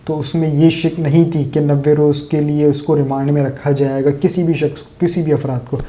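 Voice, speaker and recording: A man's voice: on the high side, flat delivery, dark tone. A man from Pakistan delivering sarcastic, opinionated solo political commentary straight to his viewers.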